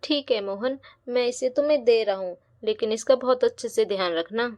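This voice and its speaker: A woman's voice: on the high side, brisk, a little mellow, pitched below the performer's own voice, lightly acted. A woman voicing a flustered young man, the kids' uncle, who panics and feels helpless in a doll-play bedtime story.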